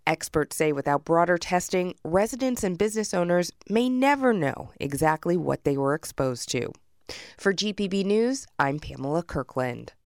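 An American woman narrates a scripted radio news report. Her pitch is on the low side and the sound is dry, with no room on it. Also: lively intonation, moderate pace, no room sound.

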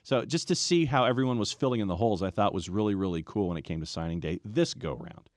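Low-voiced man co-hosting a sports podcast. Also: fast, no room sound, studio quality. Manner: rambling, restarts and fillers, enthusiastic about high school football. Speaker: podcast co-host. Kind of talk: casual sports podcast chat.

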